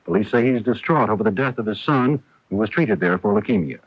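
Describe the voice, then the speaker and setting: Heard on a dull, lo-fi 1980s radio recording, this American anchor reads scripted news in a lowish, expressive voice. He moves quickly, and there's no echo.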